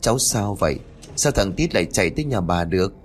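A man's voice: low voice, lively intonation, fast. A man voicing a shrewd old grandmother who mutters her thoughts to herself. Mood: matter-of-fact.

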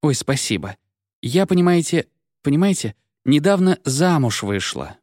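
Man doing a naive chatterbox girl, high voice, lively swoops, pushy, audiobook, dry close sound. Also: normal speed, dry recording. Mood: rambling. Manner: rambling, pleading, high-pitched chatter. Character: chatty pushy young woman, giggly and naive. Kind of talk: audiobook character voice.

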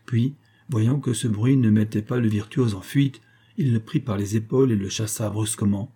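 A man reading a tale as an audiobook in a measured, steady way. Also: lowish voice, slightly rough. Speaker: audiobook reader.

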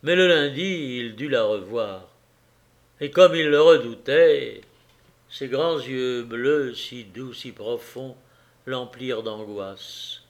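A man reading a classic novel aloud in a measured, solemn manner with long pauses. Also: medium pitch. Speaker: audiobook reader. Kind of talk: literary narration.

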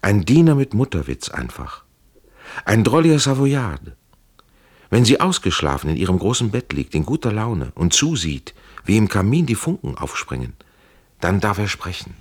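A man playing an ardent, defiant captive officer in an audiobook, earnest and quietly passionate. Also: on the low side, very animated, moderate pace, breathy edge, pitched above the performer's own voice. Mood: persuasive.

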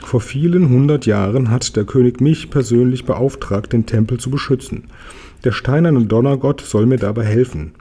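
A man's voice: mid-range voice, normal speed, warm tone, breathy edge, natural voice. Man voicing Bart, a giggly ancient dwarf. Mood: explaining. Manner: giggling, proud, grumbling. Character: giggly ancient little male mountain dwarf. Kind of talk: storybook read-aloud.

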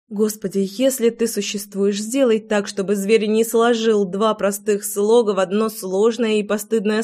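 A woman narrating a first-person audiobook with an expressive, dramatic reading. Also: medium pitch.

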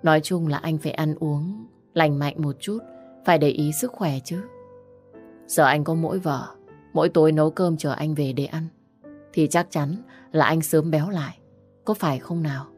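A woman voicing a gentle, caring young wife who turns firm under pressure. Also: low-pitched, normal speed, soft background music. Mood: tender.

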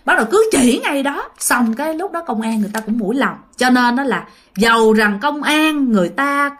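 Brief: chatty woman storyteller, high voice. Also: expressive, brisk, fairly bright tone, slight background noise. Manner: chatty, addresses listeners directly. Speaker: ghost story narrator. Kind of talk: casual spoken storytelling.

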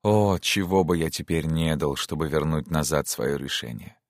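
A man's voice: a bass voice, normal speed, dry recording, studio quality. A man reading an audiobook, voicing a lovesick young prince who pleads with emotion. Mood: pleading.

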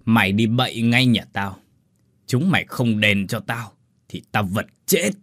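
A man voicing a hoarse grave ghost that has possessed a young man, barking orders in a story reading. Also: fairly low pitch, animated, unhurried, a bit bright, dry recording, clean studio sound. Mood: menacing. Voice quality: hoarse, harsh commanding.

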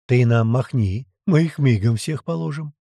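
A man voicing a reckless, gleeful male ghoul fighter who bellows drawn-out shouts. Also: mid-range voice, vocal fry, no room sound, studio quality. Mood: bellowing.

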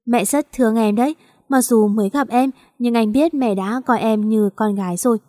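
Woman doing a kind young older brother in an audio story, gentle, friendly, fairly high, dry. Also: moderate pace, dry recording, lightly acted.

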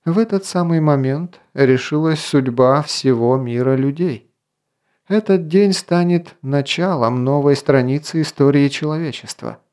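A man voicing a male elf sage who speaks calmly and with authority in an audiobook. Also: a little high, measured pace, natural voice. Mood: weighty. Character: solemn elf sage, male, calm and commanding.

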